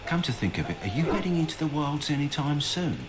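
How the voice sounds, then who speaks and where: A calm, practical kennel master. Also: male voice, fairly high pitch, fast. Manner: calm, practical and matter-of-fact. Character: steady, caring male kennel master, middle-aged. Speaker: kennel master in a video game. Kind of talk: scripted game dialogue. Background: game music.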